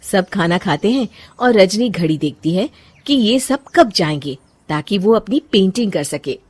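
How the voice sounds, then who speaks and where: A woman's voice: medium pitch, expressive, a little slow, darkish tone, dry recording. A woman narrating a scripted cartoon story.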